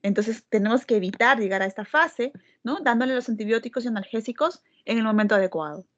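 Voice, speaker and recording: Brief: woman lecturer, highish voice, patient explainer, dull lo-fi recording. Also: fast talker. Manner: explanatory, asks frequent tag questions. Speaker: medical lecturer. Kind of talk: classroom lecture.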